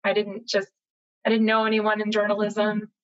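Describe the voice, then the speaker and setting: A middle-aged American woman speaks from a room at home over a slightly dull, lo-fi video call. She tells stories in a chatty, animated way, full of little fillers, with a voice of ordinary pitch for a woman. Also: moderate pace. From United States, Boston area. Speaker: journalist guest. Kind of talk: casual interview conversation.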